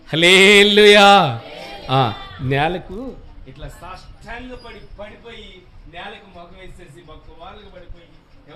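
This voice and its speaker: A man with a Telugu accent preaching a sermon in a church hall, exhorting and questioning his congregation. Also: high voice. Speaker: pastor.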